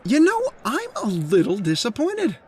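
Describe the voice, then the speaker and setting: The role is a lovestruck hunter in an old time radio drama: an earnest, talkative suitor, chatty and casual, delivered with hesitation and stammers. The man's heavily acted voice is husky and extremely high, swooping wildly in pitch at a measured pace.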